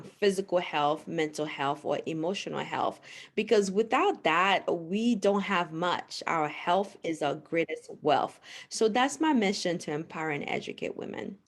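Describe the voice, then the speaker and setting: A woman from Haiti, a naturopathic physician, answering interview questions in an earnest, explanatory way. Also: lowish voice. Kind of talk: podcast interview.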